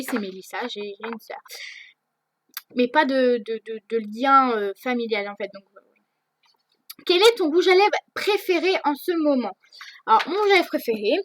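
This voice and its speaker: A woman's voice: on the high side, brisk, a bit bright, a little hiss or hum. A teenage girl answering viewer questions in a casual vlog, hesitant, with many fillers and restarts. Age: teens. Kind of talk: casual chat.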